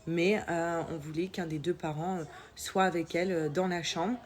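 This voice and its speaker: Young mum vlogger, female, low register, blocked nose and sore throat, loose colloquial delivery. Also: fairly even intonation, moderate pace. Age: young adult. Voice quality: congested, nasal, sore-throated. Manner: informal, colloquial, hesitant. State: coming down with a cold, sore throat. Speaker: mother vlogging about family life. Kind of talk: casual chat to followers.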